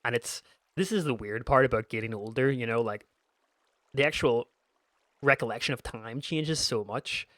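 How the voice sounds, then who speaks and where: With a fairly bright, mid-range voice at a moderate pace and no echo, this thirty-something gaming YouTuber from Northern Ireland wanders through casual gameplay commentary. His Northern Irish accent has a slight American twang, and he keeps restarting while reminiscing.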